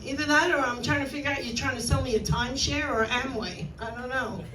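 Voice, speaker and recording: A woman's voice: sits high, fast talker, a crowd in the background. A woman in her sixties with a New York accent, doing a brash, self-mocking stand-up set on a club stage. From New York, USA. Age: 60s. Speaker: stand-up comedian. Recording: roomy club sound from far off.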